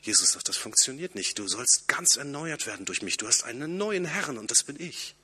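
A man preaching a sermon, earnest and lively, moving between emphatic points and quiet, hushed passages. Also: mid-range voice, moderate pace, slightly rough.

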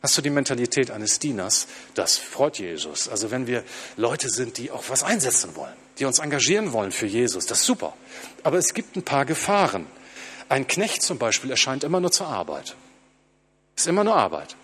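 A man preaching a sermon to his congregation, slowing down to stress quoted lines. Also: medium pitch, very animated, a bit bright, a little hiss or hum.

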